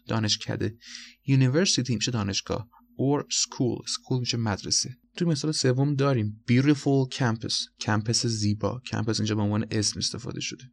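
A man teaching English vocabulary, explaining each word and spelling letters aloud, often repeating words slowly. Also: mid-range voice, gravelly. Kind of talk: spoken vocabulary lesson.

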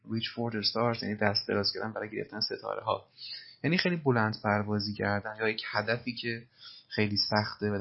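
Low gravelly male language teacher. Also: dull audio. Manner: patient, methodical explanations. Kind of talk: explaining film dialogue.

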